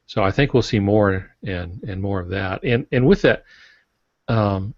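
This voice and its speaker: A man with a lowish voice speaks a little slowly as a guest author on a podcast, explaining things in an informal, folksy, opinionated manner. The audio is roomy and dull, lo-fi podcast quality.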